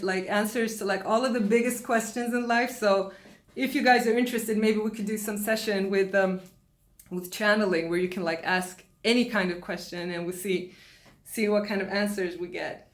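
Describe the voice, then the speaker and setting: A woman who grew up in Sweden, an astrologer, talking casually to camera from her home, with many fillers and restarts. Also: mid-range voice. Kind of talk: casual vlog talk to camera.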